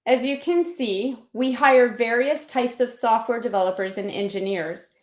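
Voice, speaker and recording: A woman working as a recruiter reads a scripted, salesy hiring pitch in a polished way. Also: normal speed, darkish tone. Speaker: company recruiter giving a pitch. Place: indoor room on an online video call. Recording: roomy echo on the voice.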